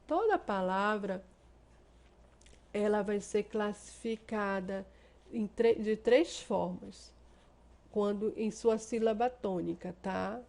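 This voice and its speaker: A Brazilian woman teaching a class. She explains step by step, keeps checking that her students follow, and draws out the example words slowly. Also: medium pitch, gravelly, a little mellow. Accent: Brazilian Portuguese. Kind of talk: remote class lesson.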